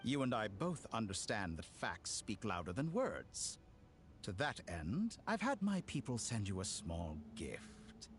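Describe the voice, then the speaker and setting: An actor playing a smug, theatrical villain scientist in a video game, polite yet mocking and grandiloquent. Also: male voice, fairly low pitch, wildly swooping pitch, measured pace, faint music behind. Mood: haughty, assured.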